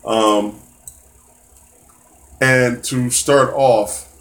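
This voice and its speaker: A man's voice: mid-range voice, steady tone, extremely slow, a bit bright. A man teaching a live-streamed test prep math lesson, casual and encouraging, with many fillers and restarts.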